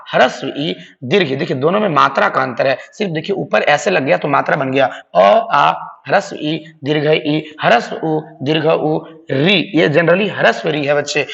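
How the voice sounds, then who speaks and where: A man's voice: on the high side, gravelly, fairly bright tone. A man teaching a grammar lesson to students, repeating key points and often calling them children. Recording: roomy long-reverb room, dull lo-fi sound.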